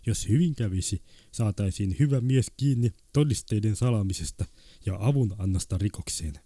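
A man's voice: lowish voice, lively intonation, dark tone, no room sound. A man reading short stories aloud in a terse, clipped, matter-of-fact way. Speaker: story reader.

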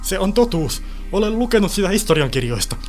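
A man voicing a small, quiet but stubborn boy pupil in a storybook reading. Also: high-pitched, big pitch swings, faint music behind, voice pushed up. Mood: insistent. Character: small timid boy pupil lost in time.

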